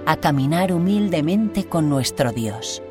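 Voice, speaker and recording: A reader with a Spain Spanish accent, slowly and solemnly reading a Gospel passage and a reflection on it. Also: mid-range voice, animated, over music. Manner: measured, solemn, deliberate phrasing. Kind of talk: scripted liturgical reading.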